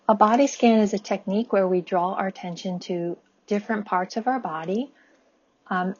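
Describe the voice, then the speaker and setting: A woman leading a guided body scan meditation, speaking in a gentle, unhurried, inviting way. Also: medium pitch, muffled recording. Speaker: meditation teacher.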